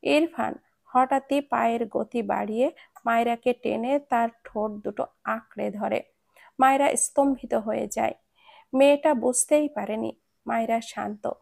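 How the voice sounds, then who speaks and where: A woman narrating a romance story aloud in a steady storybook manner. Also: on the high side, a little slow, gravelly, no room sound.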